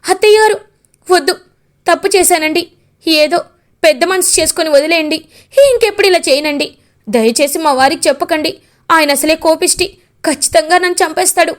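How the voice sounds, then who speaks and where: A woman's voice: very high voice, fairly quick, long pauses, voice pushed up. A woman voicing a scheming young daughter-in-law who pleads in panic. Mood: begging.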